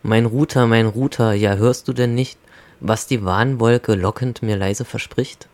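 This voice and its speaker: A man's voice: mid-range voice, steady tone, a little slow, darkish tone, natural voice. A man voicing an anxious little data packet, pleading fearfully in rhymed verse. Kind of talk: comic poem recitation.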